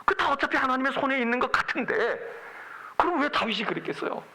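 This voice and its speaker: A middle-aged male pastor preaches in a loose, conversational way and slips into the voices of the people in his story. His tone is high and very bright, with a gravelly rasp. His pitch leaps up and down as he talks. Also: animated, fast, poor audio. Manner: colloquial storytelling, acting out quoted voices with wide swings. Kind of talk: sermon.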